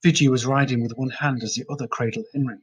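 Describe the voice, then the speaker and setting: Husky male storybook narrator. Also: mid-range voice, fairly even intonation, fast talker, rough recording. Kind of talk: storybook reading.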